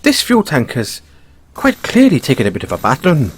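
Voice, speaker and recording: A man voices a curious Irish bunny-boy mechanic in an audio roleplay, his slightly husky voice swooping wildly in pitch at a brisk pace. Tactful and wry, he probes gently and politely, with hesitant phrasing and dry understatement.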